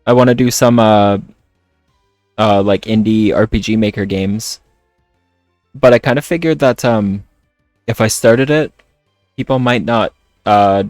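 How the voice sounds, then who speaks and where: A man chatting casually on a livestream while playing a game, talking in a hesitant, halting way. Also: fairly low pitch, a little mellow, dry recording, clean studio sound. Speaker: streamer. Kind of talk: casual livestream chat over gameplay.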